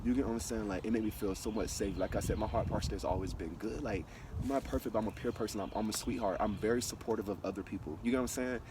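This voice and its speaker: A man from Florida speaks emphatically about his own life, circling back with "you get what I'm saying." He sits a bit away from the mic, and his mid-pitched voice carries over faint traffic and urban background noise. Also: a little mellow, distant mic. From Broward County, Florida. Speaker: spiritual vlogger. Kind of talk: personal testimony vlog.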